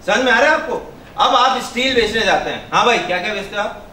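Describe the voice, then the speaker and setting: Man, trainer, high voice, emphatic, quizzes audience, distant mic, echoey room. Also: lively intonation, quick pace, pushed and bright. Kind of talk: interactive workshop teaching. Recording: echoey room, far from the mic, faint noise.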